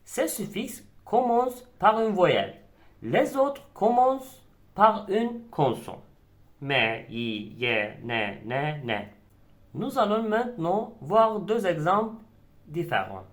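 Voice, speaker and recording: Brief: male teacher in a recorded lesson, unhurried, lilting delivery, repeats each example. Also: high-pitched, sing-song, a bit bright. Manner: slow, deliberate, repeats example words. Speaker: language teacher.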